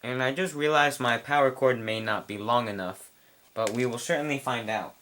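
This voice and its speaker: A man casually explaining how to set up a model train address changer, chewing gum as he talks in a quiet room. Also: medium pitch, moderate pace. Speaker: model train hobbyist reviewer. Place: quiet room at home with model track on a table.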